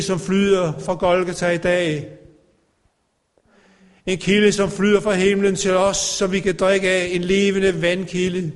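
A man's voice: sits high, big-room sound. A man preaching a sermon to a congregation, fervent and calling out. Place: church.

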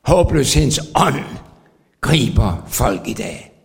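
A man preaching a sermon. He repeats his phrases and pauses with fillers, then builds to loud, drawn-out emphasis. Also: medium pitch, very animated. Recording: long hall reverb.

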